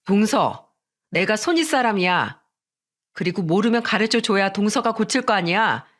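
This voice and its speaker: A woman's voice: medium pitch, expressive, moderate pace, fairly bright tone. A woman reading the part of a firm elder sister-in-law, a teacher and mother, lecturing a younger relative. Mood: indignant.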